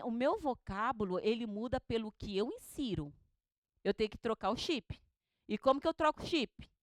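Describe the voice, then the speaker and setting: Animated woman teaching a class. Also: on the high side, dry recording. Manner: animated, asks the class questions and drills syllables aloud. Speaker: homiletics teacher. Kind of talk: classroom lecture.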